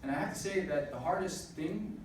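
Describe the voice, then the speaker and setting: At a student business event, a man in his twenties speaks with earnest motivation, saying "uh" frequently. His voice is a little high and fairly quick. Noise and echo fill the far-off hall recording.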